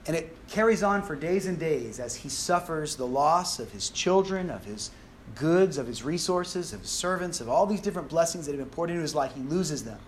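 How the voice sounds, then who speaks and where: A man with a slightly higher voice preaches a sermon, earnest and emphatic as he tells the story. A faint hum of room noise sits behind him. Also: lively intonation, fairly quick.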